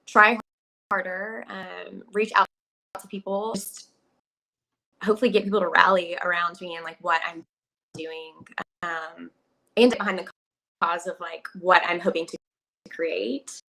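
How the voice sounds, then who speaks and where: A woman's voice: fairly low pitch, fairly even intonation, measured pace, creaky, long pauses, sharp tone, poor audio. A woman chatting as an interview guest over a video call from home, through headphones, rambling with many fillers while her audio keeps cutting out in glitchy dropouts. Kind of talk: casual video-call chat. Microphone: headphones plugged into a computer.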